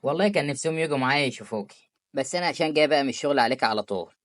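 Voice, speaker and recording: A performer with an Egyptian Arabic accent voicing an affectionate, patient young husband in an animated story. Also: female voice, a bass voice, no room sound, clean studio sound. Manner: warm-hearted, rapid.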